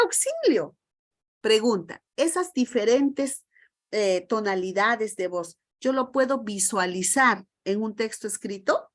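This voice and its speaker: A middle-aged woman, leading a lecture for teachers over a video call and often asking the group questions. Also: mid-range voice. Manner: emphatic, asks the group many rhetorical questions. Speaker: teacher trainer leading a session.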